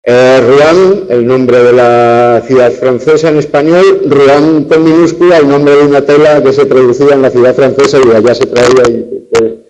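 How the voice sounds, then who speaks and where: A man's voice: mid-range voice, fairly even intonation, moderate pace, few pauses, a little mellow, rough recording. A man teaching a university lecture on spelling and accent marks, stretching out example words syllable by syllable. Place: classroom, lecture streamed online.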